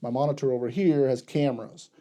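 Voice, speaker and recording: A young man appears as a podcast guest and talks casually about his work as a health unit coordinator in an emergency room. He rambles, corrects himself, and retells events in an animated way. His medium-pitched voice comes quickly, and the recording has its highs cut off.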